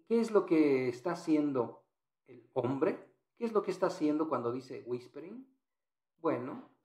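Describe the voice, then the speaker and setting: A man explains exam answers in a patient, repetitive way, often translating phrases. He talks slowly, with a voice pitched a little high for a man. The room around him is echoey. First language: Spanish. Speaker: English teacher.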